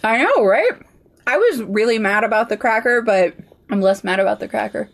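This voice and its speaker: A woman's voice: fairly high pitch, lively intonation, moderate pace, vocal fry. A woman co-hosting a podcast, chatting casually while taste-testing food, with blunt, grumbly reactions as she chews. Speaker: podcast co-host. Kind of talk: casual chat, food tasting.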